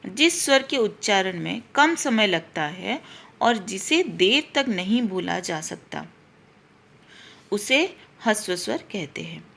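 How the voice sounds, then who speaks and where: A woman's voice: medium pitch, expressive, slow, vocal fry, a bit bright. A woman teacher giving a patient grammar lesson to schoolchildren, spelling out letters one by one and repeating her explanations. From India.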